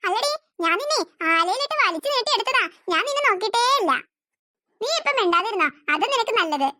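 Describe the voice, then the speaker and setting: A woman voicing a sharp-tongued cartoon grandmother with aching legs. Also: very high voice, lively intonation, fast, no echo, studio quality, full character voice. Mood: scolding. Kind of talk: cartoon dubbing.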